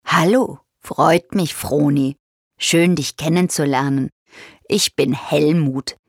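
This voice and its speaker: Big friendly hippo played by a woman, slow rumbling drawl, lowered voice, husky, storybook. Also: no room sound, studio quality, full character voice. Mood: calm. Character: huge friendly male hippo, slow and calm.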